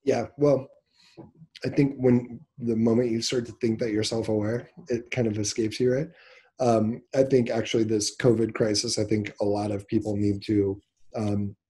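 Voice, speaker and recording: A man's voice: on the low side, breathy edge. A man from Nebraska, a business owner, talking in a casual interview and telling a personal story, acting out the dialogue as he goes. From Nebraska, USA. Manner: animated storyteller, acts out quoted dialogue.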